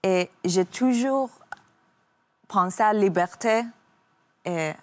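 A young woman from Iran, a talk show guest speaking halting French and searching for her words. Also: mid-range voice, darkish tone.

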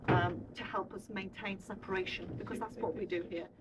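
A young woman working as an air traffic controller gives a visiting group an informal tour of an indoor radar control room, often adding tag questions to check they follow. Her voice is medium-pitched, steady, and a little fast. A handheld camera records her from a short distance, so the mic is distant and room noise is loud.

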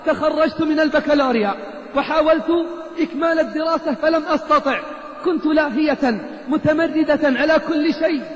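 A male preacher voicing a gravely ill, remorseful woman who pleads through her tears. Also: very high voice, muffled recording. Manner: pleading, broken with sobs. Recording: echoey hall.

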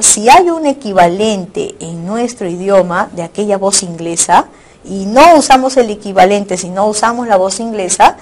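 A woman's voice: mid-range voice, a little mellow. A woman teacher giving a recorded online lecture, explaining carefully, repeating and rephrasing her points and often checking in with her students. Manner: explanatory, frequent tag questions.

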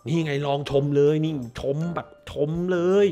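A man's voice: fairly high pitch, fairly even intonation, unhurried, dark tone, soft background music. A man hosting a movie review show, ranting casually in a crude, profane, sarcastic way.

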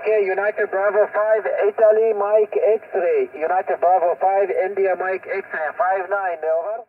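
A fairly high-pitched man on a ham radio call reads off call signs in crisp, clipped phonetic alphabet. He comes through a shortwave receiver, thin and tinny like a phone line, set back from the mic with faint hiss underneath. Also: steady tone, unhurried, recorded from a distance. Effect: shortwave radio reception.

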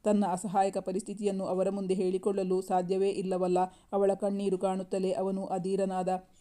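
Woman reading a story, very dark flat voice. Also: medium pitch. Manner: steady, measured reading. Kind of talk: scripted story narration.

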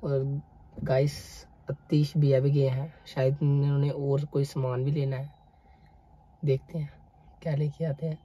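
A man's voice: medium pitch, little pitch movement, measured pace, dull audio, a little hiss or hum. A young man riding as a passenger, joking and arguing with his friend on a road-trip vlog. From Jammu, India. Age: young adult. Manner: playful, argumentative banter. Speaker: co-host of the vlog. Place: inside a car. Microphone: camera on the dashboard.

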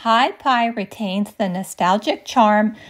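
A woman's voice: medium pitch, slow pace, background noise. A woman vlogger chatting casually on a beach outing and narrating a tour of an old cottage. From California. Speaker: vlogger, co-host. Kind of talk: casual chat and read narration.

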